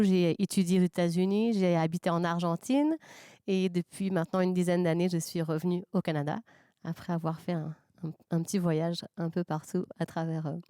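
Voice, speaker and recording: Smooth-voiced young woman alto. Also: lowish voice, fairly even intonation, moderate pace, warm tone, no room sound, studio quality. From France. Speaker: alto singer.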